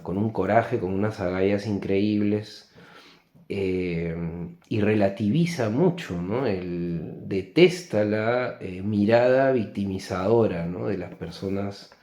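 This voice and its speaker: In an echoey, roomy recording, a Peruvian man reviews a book off the cuff, pausing thoughtfully and frequently checking in with tag questions. He speaks with a Peruvian Spanish accent in a mellow voice on the low side.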